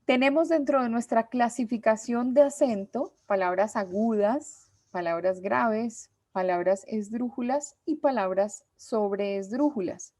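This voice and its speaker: Profesora colombiana paciente, voz algo aguda y seca. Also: female voice, a little high, mellow, dry recording. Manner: patient, explains slowly, many fillers. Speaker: teacher. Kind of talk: online class lecture.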